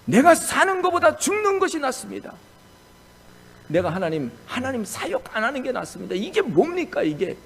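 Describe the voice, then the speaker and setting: A high, shrill complaining prophet, as a preacher puts him on, pleading and protesting in a swinging, indignant voice. He sounds aggrieved and sorry for himself, with his voice leaping up in pitch. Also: wildly swooping pitch, moderate pace, vocal fry, long reverb tail, a little hiss or hum, exaggerated voice. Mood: despairing. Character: petulant complaining male prophet arguing with God.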